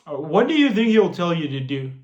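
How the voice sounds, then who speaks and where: Very animated and brisk, with a fairly high pitch and darkish tone, a late-twenties finance vlogger talks money to the camera on a lo-fi recording with roomy echo. His casual advice is earnest, full of repeated and restarted phrases.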